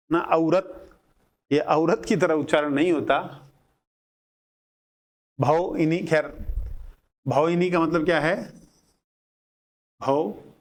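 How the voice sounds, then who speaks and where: A man teaching grammar in a lecture, breaking words into single sounds and repeating them deliberately. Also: on the high side. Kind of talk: classroom lecture explaining at a board.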